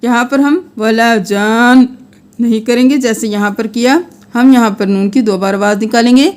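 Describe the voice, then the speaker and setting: High-voiced woman teaching Quran recitation. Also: fairly even intonation, darkish tone. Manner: patient step-by-step explaining, chanting verses slowly and melodically.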